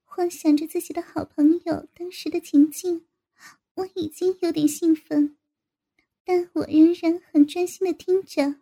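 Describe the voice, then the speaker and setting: A young woman narrating an adult audio story in a breathy, intimate way, sometimes dropping to a whisper. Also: very high voice, fairly even intonation, measured pace, mellow.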